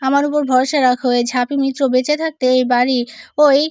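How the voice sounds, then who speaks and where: A woman's voice: high voice, flat delivery, quick pace, darkish tone, close to an everyday voice. A woman reading out the lines of a defiant young daughter-in-law in a firm, indignant tone.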